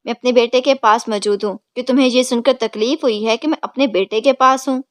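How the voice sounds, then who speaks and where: A woman's voice: fairly high pitch, fairly even intonation, no room sound, studio quality, lightly acted. A woman voicing a fierce, doting older mother who scolds her husband in an angry tone. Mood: scolding.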